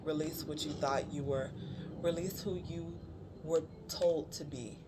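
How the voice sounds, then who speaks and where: A spiritual card reader giving a channeled reading to viewers, repeating phrases for emphasis, with many pauses and fillers. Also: mid-range voice, steady tone, noisy background. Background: music.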